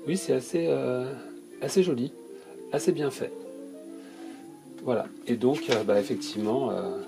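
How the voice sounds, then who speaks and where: In a rough recording with background music, a man unboxes toys for his YouTube channel. His mid-range, gravelly voice is unhurried and stuffy from a cold, and he describes each toy in a hesitant, casual manner with plenty of fillers.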